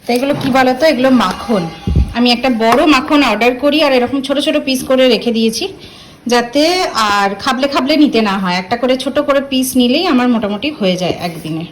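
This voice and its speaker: A woman's voice: on the high side, fast talker, a little hiss or hum. A woman in her thirties, a mother, chatting through her day at home in a casual vlog, thinking aloud with many fillers. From eastern India. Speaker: vlogger and mother. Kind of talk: casual daily vlog narration. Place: home, partly in a kitchen.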